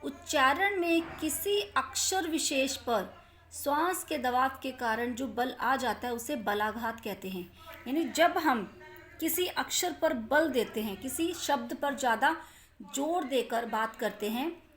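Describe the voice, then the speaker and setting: A woman teaching a grammar lesson, reading example sentences slowly and stressing words deliberately. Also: high-pitched, animated, fairly bright tone.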